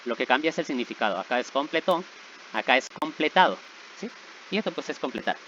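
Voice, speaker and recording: A man teaching verb rules at a steady pace, patiently checking in with his students with short questions. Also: mid-range voice, fast talker, lo-fi sound, a little hiss or hum. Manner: patient, repeats checks like "¿verdad?" and "¿sí?". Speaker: English teacher. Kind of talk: explaining grammar rules.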